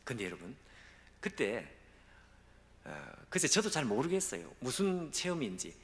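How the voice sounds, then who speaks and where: A man as a guest pastor preaching a sermon, telling a dramatic story and acting out the quoted voices, at times dropping to a hush. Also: medium pitch, wildly swooping pitch, a little slow. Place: church sanctuary. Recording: long hall reverb.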